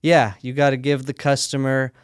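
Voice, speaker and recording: Speaking at a medium pitch with a smooth voice, an American man who founded a sock company shares his story on a podcast. The recording is dry and studio-clean, and his storytelling is laid-back, dotted with fillers and easy laughs.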